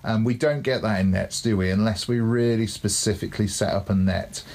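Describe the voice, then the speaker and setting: Cricket coach on a podcast, male, lowish gravelly voice, explains with care. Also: fairly even intonation, brisk, darkish tone. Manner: thoughtful, explaining, tag questions. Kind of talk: casual podcast chat.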